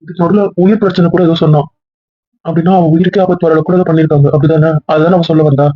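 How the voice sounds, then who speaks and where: A man talks rapidly and earnestly in an upset tone, his pitch held flat and a bit high. The recording is dry and slightly dull. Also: husky, dry recording. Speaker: husband in a family web series. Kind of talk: emotional web series acting.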